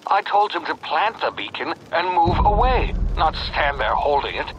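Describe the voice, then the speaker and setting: An actor playing an eccentric, flustered scientist in a video game, muttering and halting theatrically over a radio-like link. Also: male voice, fairly high pitch, very animated, a bit bright, muffled recording, a little hiss or hum. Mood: exasperated, offhand. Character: eccentric, flustered male scientist guiding a recruit. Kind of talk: video game character dialogue.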